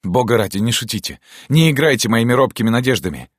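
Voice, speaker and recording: A man's voice: sits low, expressive, normal speed, dry recording, studio quality. A man reading an audiobook, voicing a lovesick young prince who pleads with emotion. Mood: pleading.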